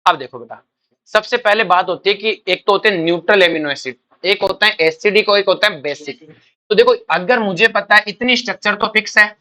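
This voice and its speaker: A male chemistry teacher coaches exam students in a call-and-response lecture, firing off questions, calling them "beta" and repeating their answers back. His voice sits high and is fairly quick, bright and forceful.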